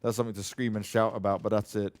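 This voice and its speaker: A man casting an esports match play by play, getting sharply louder and higher on big plays. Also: little pitch movement, quick pace, slight background noise. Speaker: esports caster. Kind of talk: play-by-play commentary.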